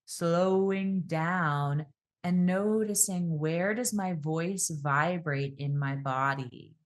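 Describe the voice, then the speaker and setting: Speaking as a podcast guest, a woman who coaches speakers sounds calm and reflective. She demonstrates vocal technique by slowing down and varying both pitch and speed.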